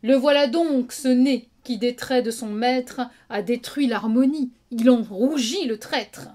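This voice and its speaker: A woman's voice: fairly high pitch, mellow, lightly acted. A woman playing a proud, witty swordsman in hammy, declamatory theatrical verse, drawing out her words. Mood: scornful, proud. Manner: hammy stage acting, declamatory, with drawn-out words. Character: proud, witty swordsman Cyrano mocking an insult with flourish. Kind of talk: theatrical recitation of classic French verse monologue.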